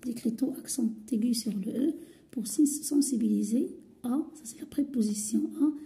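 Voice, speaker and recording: A woman teaching a French grammar lesson, talking slowly and deliberately, spelling out letters, repeating words and often dropping to a half whisper. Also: on the high side, mellow. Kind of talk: slow lesson explanation.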